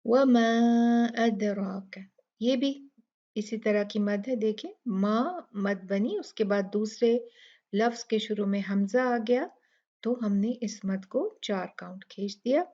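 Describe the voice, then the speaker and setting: A woman's voice: medium pitch, slow pace, warm tone, muffled recording. A woman teaching Quran recitation rules, patiently explaining each word and demonstrating it aloud. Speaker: tajweed teacher. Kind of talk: step-by-step recitation lesson.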